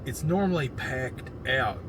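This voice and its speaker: A man with a mid-range voice, talking loosely with plenty of ums as a vlog co-host. He is recorded outside, with busy street and traffic noise clearly behind him. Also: mid-range voice, lively intonation, measured pace. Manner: rambling, hesitant, lots of ums. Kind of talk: casual restaurant review chat.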